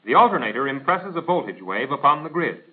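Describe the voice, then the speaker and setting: Speaking quickly and with lots of animation, this mid-pitched American man delivers scripted instructions formally, precisely and didactically. The style evokes a 1940s military training film, and the sound is a thin, band-limited 1940s film track.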